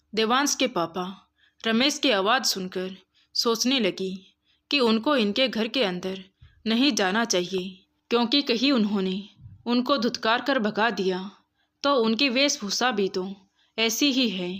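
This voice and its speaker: A woman storyteller giving steady, expressive scripted narration of a moral story. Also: a little high.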